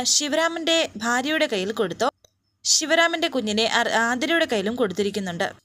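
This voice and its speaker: A woman retells a serial drama scene by scene in a relaxed, conversational way, now and then restarting a phrase. Her voice sits high. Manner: casual, with restarts and fillers. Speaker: storyteller.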